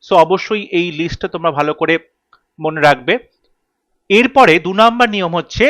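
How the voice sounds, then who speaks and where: A man teaching English grammar, reading word pairs in a steady drill and often checking in with his students. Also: a little high, no echo. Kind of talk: classroom grammar lesson.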